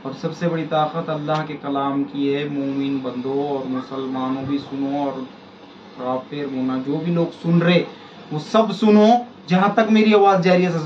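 A man's voice: a little high, darkish tone, slight background noise. A middle-aged man preaching to listeners, exhorting them and repeating phrases for emphasis. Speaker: faith healer preacher. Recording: echoey lo-fi room with faint ambience.

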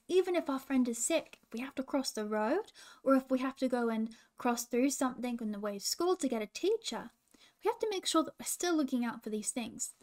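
A woman in a princess role, gently coaching children and asking them questions. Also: high voice.

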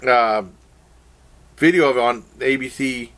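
Sitting at his desk in a small, plain-walled room, an older man casually reviews a game show for his webcam. His mid-range voice is fairly bright and a little slow, and his rambling talk is full of fillers and restarts.

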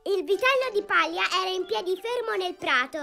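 A very high-pitched, lively little girl spins a fairy tale for young viewers. She is chatty and playful and turns to the listener with questions, in a cartoon storybook style. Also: brisk, vocal fry, soft background music, heavily acted.

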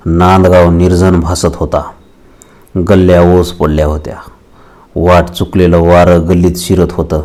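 A male storyteller reading a novel aloud in a scripted, measured way. His voice is very deep and holds an even, level line. Each sentence is delivered deliberately. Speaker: narrator.

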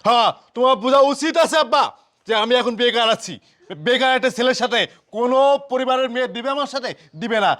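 Jilted young son played by a man, accusing and wailing, high and rapid, Bangladeshi colloquial accent. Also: fairly even intonation, a bit bright. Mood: indignant. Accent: Bangladeshi colloquial Bengali.

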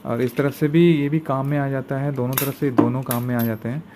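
Filmed on a handheld phone aimed at a table indoors, a young man chats casually while unboxing camping gear. He stops often, restarts sentences, and leans on fillers, speaking at a middle pitch. Steady hiss from the room runs under the whole noisy recording.

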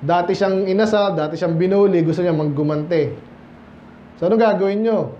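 In a church hall, a pastor from the Philippines preaches at a midweek Bible study, switching between English and Tagalog and keeping things conversational with frequent questions to the congregation. His voice is high and his speed normal. The sound is lo-fi and echoey, with faint hiss or hum.

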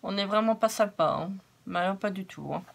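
A woman with a hoarse voice chatting casually through a craft-supply haul, repeating words for emphasis as she shows each item. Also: mid-range voice, fairly quick. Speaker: craft vlogger.

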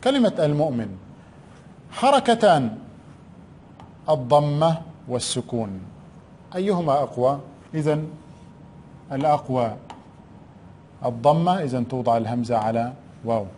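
A male teacher giving a recorded grammar lesson. He asks questions, answers them himself, and stretches out key words slowly. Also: mid-range voice, lively intonation, darkish tone, slight background noise. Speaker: primary school Arabic teacher.

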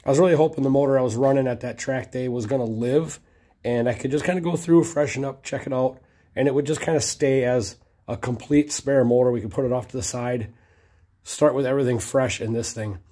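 A hoarse man casually rambling about his motorcycle project in his garage, swearing freely. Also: mid-range voice, fairly quick, warm tone. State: hoarse from a cough. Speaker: motorcycle racing vlogger. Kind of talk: casual chat. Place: home garage workshop.

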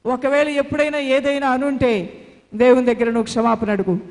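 A woman's voice: high voice, fairly even intonation, brisk, a little mellow, big-room sound. A woman preaching a sermon with fervent, repetitive exhortation.

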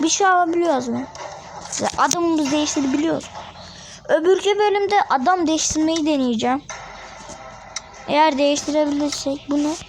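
A woman giving casual commentary while playing a mobile game, excitable and trash-talking the enemies. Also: sits high. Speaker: mobile gamer. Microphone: phone screen recording.

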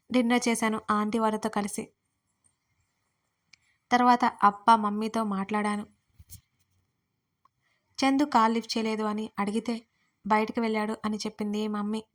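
A young woman narrating her own audio story in the first person, playful and lively. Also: a little high, normal speed, pauses often. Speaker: writer and narrator.

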